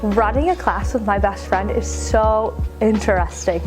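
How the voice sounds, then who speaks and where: A woman's voice: mid-range voice, unhurried, music in the background. A woman teacher talking enthusiastically in an interview.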